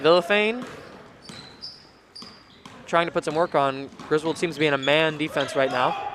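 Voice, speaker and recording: A young man with a high voice calls a high school basketball game from a school gym. His delivery climbs in excitement as the action speeds up. Heavy gym noise is heard behind him. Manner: excited, rising during fast plays. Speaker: play-by-play commentator. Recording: noisy gym recording.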